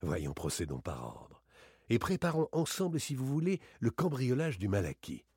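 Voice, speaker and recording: A man voicing a playful, boastful gentleman thief in a dramatic audiobook reading, teasing and theatrical. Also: huge pitch swings, moderate pace, slightly rough, dry recording, clean studio sound. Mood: mocking, boastful. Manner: teasing, theatrical, swings between bright exclamations and low asides.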